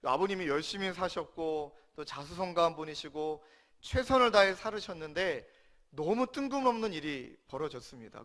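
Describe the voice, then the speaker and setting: A man in his thirties, a pastor, giving a sermon with a personal testimony and acting out his own angry outbursts. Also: on the high side. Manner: emotional storytelling, acts out his own angry shouting.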